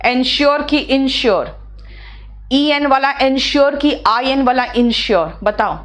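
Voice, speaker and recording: A fairly high-voiced woman with an Indian accent teaches an English class in Hindi. She speaks patiently and reads example sentences slowly and deliberately. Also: fairly bright tone. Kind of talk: live online class, answering student questions.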